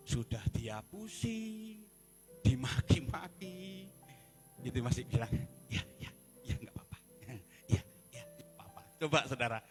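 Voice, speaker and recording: A man with a Javanese accent, a pastor preaching a sermon in an animated, joking way. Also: mid-range voice. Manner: animated, joking, acts out quoted voices. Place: church service.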